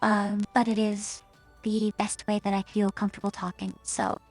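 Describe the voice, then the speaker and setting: A woman's voice: mid-range voice, little pitch movement, normal speed, darkish tone, faint music behind. A woman VTuber chatting casually on stream through a staticky voice changer that cuts out, rambling with hesitant fillers.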